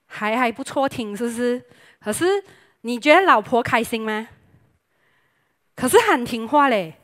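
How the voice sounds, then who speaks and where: High-voiced playful woman preacher. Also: animated, unhurried, fairly bright tone. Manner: chatty, playful, mixes English words into Mandarin. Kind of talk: lively sermon with jokes.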